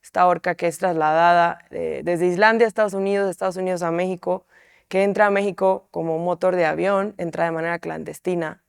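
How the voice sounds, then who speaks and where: Reflective woman, smooth low voice. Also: fairly even intonation, fairly quick, no room sound, studio quality. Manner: reflective, tags sentences with questioning asides. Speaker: artist in a collective. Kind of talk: explaining an artwork in an interview.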